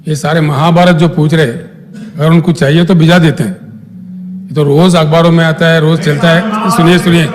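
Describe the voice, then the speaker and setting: High-voiced man retorting in a hall. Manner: animated, retorting, mixing Hindi and English. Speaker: chief minister. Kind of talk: heated debate reply. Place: legislative assembly hall. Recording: reverberant assembly hall.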